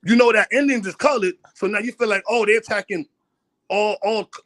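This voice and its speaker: Insistent man with a high voice. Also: fairly quick, a bit bright, dry recording. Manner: insistent, talks over others. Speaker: debater. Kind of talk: heated debate.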